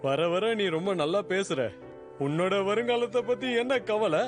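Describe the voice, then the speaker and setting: A man's voice: high voice, expressive, normal speed. A man dubbing a lazy, hard-drinking uncle who scolds and mocks a boy, with music behind. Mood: scolding. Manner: scolding, mocking, blustery.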